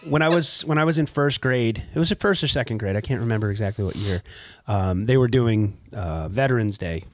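A man co-hosting a podcast, telling stories in an animated way and slipping into voices for the people he quotes. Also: on the low side, a little fast. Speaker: podcast co-host. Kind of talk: casual chat.

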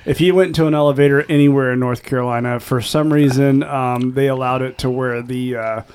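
A man's voice: mid-range voice, steady tone, a little fast, darkish tone, clean tone. A man hosting a casual podcast tasting chat, rambling with many fillers. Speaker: podcast host.

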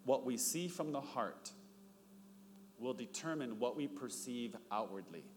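A man's voice: animated, a little slow. A middle-aged man preaching a sermon, telling stories and acting out the dialogue in them. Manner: storytelling, acts out dialogue with rising pitch. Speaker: pastor. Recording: long reverb, faint background noise.

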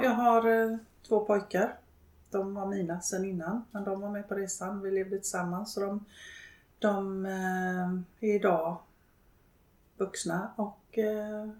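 An older woman talks slowly and haltingly, with many fillers and pauses. Her voice has a creaky, gravelly edge. She is recorded in a roomy space that gives a clear echo. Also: medium pitch, a little mellow. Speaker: interviewee, widow and network co-founder. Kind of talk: reflective interview talk. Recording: roomy, echoey room.

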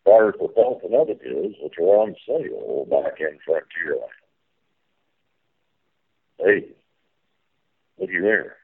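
A man's voice: deep voice, breathy edge, phone-quality sound, exaggerated voice. A man playing a folksy, hearty riverboat captain in a theme park ride spiel, calling to crew and passengers. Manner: folksy, calls orders to crew.

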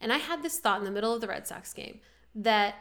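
A woman co-hosting a podcast, talking in a casual, emphatic way and swinging her pitch up to stress a point. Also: expressive, quick pace, fairly bright tone. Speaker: podcast co-host. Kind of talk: casual chat.

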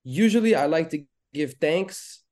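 A man from Lebanon talking as a podcast guest in a relaxed, rambling way with lots of fillers. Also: on the high side, measured pace. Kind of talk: casual interview chat.

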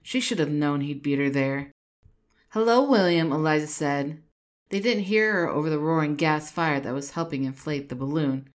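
A woman narrating her own fan fiction story in an even, measured reading. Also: low-pitched.

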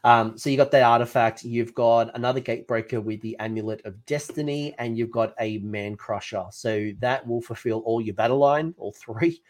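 A man's voice: mid-range voice, normal speed, hardly any pauses. Rambling man with a fading voice. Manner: rambling, hesitant, many fillers and restarts. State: losing his voice. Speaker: co-host of a tabletop wargame talk show. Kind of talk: casual chat.

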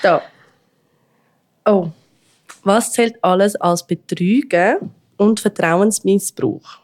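A woman's voice: medium pitch, slow, darkish tone. A young woman with a Swiss German accent, chatting candidly as a podcast co-host and laughing often. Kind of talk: casual chat.

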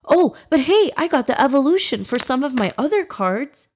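Eager young boy for children's storybook audio, played by a woman. High, lively, exclamatory, hopeful. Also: moderate pace. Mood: thrilled. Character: excitable, hopeful little first-grade boy.

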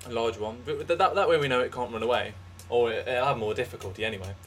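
Deadpan young man co-hosting a podcast. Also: mid-range voice, fast, a little hiss or hum. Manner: deadpan absurd storytelling, restarts. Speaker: podcast co-host. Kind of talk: casual comedic chat.

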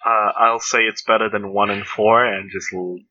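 Bright-voiced man on a dull mic. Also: fairly low pitch, fairly even intonation, normal speed, a little hiss or hum. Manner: joking, rattles off trivia. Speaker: podcast co-host. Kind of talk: casual chat.

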